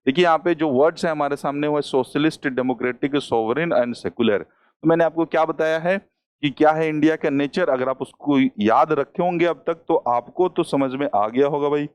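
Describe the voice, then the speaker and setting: A man's voice: fairly high pitch, normal speed, smooth. A man teaching an exam-prep class, working through questions step by step and repeating the key terms. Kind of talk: lecture solving exam questions.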